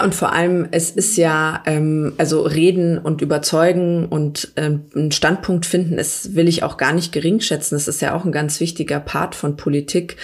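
A woman talking earnestly on a podcast about her work in politics, pausing often with fillers and restarting her sentences. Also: low voice, darkish tone. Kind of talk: casual podcast chat.

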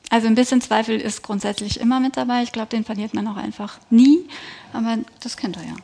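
A woman's voice: on the high side, steady tone, fast talker, vocal fry, mellow. A woman guest giving a personal faith testimony in an interview, telling her story in an earnest, emphatic way.

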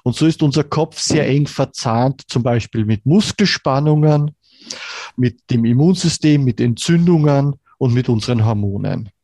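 A man in his forties with a Viennese accent, a brain researcher calmly explaining things as an interview guest. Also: medium pitch, dry recording, clean studio sound. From Vienna, Austria. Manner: measured, calmly explaining with examples.

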